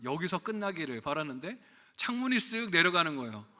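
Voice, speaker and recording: A man's voice: fairly high pitch, big pitch swings, fairly quick, sharp tone. A middle-aged man, a pastor, preaching a sermon, telling a personal story with quoted asides and rhetorical questions. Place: church sanctuary. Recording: long church reverb.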